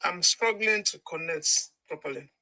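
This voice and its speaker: A woman's voice: fairly low pitch, normal speed, pushed and bright, no room sound. A woman calling in by phone while driving, speaking hesitantly and restarting her sentences. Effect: calling in by phone while driving a car. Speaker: caller. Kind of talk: casual discussion.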